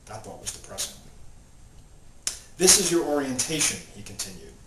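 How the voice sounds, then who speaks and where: Reading from his novel and chatting informally, a male author sticks to his natural voice rather than performing characters. His pitch is medium with big swings, at normal speed, and the recording is roomy and distant with loud background noise.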